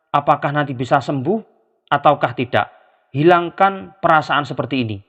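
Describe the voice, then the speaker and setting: Man, mid-pitched, calm and steady instructor, heard through a dull, echoing recording. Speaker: spiritual teacher. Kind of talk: instructional talk. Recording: long reverb, dull lo-fi sound.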